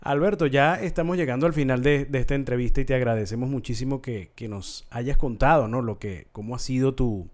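A man hosting a radio interview and asking measured, friendly questions. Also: mid-range voice, a little mellow. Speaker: radio host.

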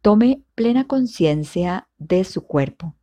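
A woman instructor leads a guided meditation in a low, relaxed voice. She speaks very slowly and in a measured way, leaving long pauses between short instructions. The delivery stays calm and soothing. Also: highs cut off.

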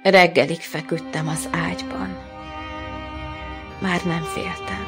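A woman reads her own prose in a slow, measured, grave manner, her voice sitting a little low. Soft music plays faintly underneath. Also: fairly even intonation. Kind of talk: literary reading.

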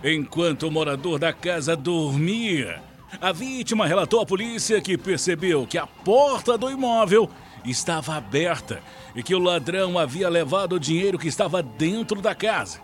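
High, animated Brazilian male news reporter. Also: normal speed, soft background music. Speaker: radio police-news reporter. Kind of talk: scripted news bulletin.

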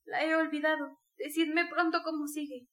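A woman's voice: high-pitched, level tone, moderate pace, a bit bright. A woman voicing a dying mother in delirium, feverish and torn between pleading and rage, in an audiobook reading. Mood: delirious.

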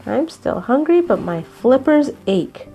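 A woman's voice: high-pitched, very animated, a little slow, dark tone, soft background music, voice pushed up, full character voice. A woman voicing a grumpy young penguin who complains with whiny sighs. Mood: grumbling. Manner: whiny, sighing grumbles.

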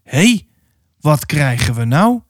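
A man voicing a rough young male cattle drover who shouts coarsely. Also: mid-range voice, very animated, a little slow, no room sound, clean studio sound. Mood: shouting.

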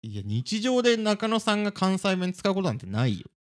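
A young man co-hosting a casual radio chat, teasing and animated, often mimicking phrases in a mock dialect. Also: high voice, fairly quick. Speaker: podcast co-host.

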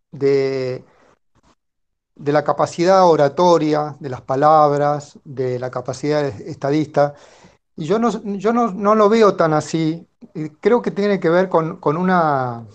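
A man from Tucumán with an Argentine accent, calling in by phone and giving a reflective, halting comment. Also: fairly high pitch, highs cut off. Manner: hesitant, halting with restarts, reflective. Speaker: caller. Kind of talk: casual call-in comment.

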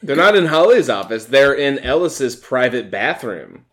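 A man's voice: mid-range voice, very animated, normal speed. A man co-hosting a casual movie podcast, dropping dry asides and correcting details. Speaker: podcast co-host.

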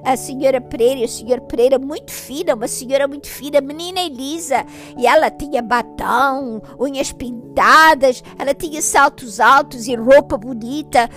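A woman storyteller tells a bedtime-style tale in a homely, halting manner. Her voice sits high. Faint music plays softly under her. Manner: homely, halting, with fillers and retellings. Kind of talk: bilingual oral storytelling.

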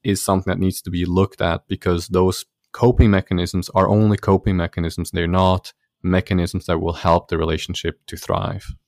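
A man's voice: deep voice, level tone, moderate pace, darkish tone, no echo, studio quality. A man speaking as a relationship coach in an interview, explaining earnestly and laughing easily. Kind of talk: conversational interview answer.

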